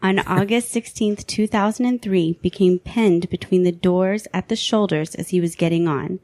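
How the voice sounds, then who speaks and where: A woman co-hosting a podcast, reading out a countdown of creepy legends in a steady, measured tone. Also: on the low side, a little hiss or hum. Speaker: podcast co-host. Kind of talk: reading a countdown list aloud.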